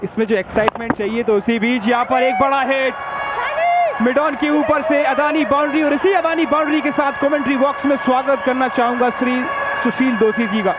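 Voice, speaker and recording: A man giving excited, animated live cricket commentary. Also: extremely high pitch, a little fast. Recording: loud stadium crowd and noise. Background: crowd, outdoor noise.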